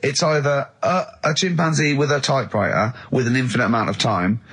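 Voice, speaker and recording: A man co-hosting a radio show argues casually but emphatically, interrupting and repeating himself in exasperation. His voice is mid-range and fairly bright with a breathy edge, and he talks a little fast.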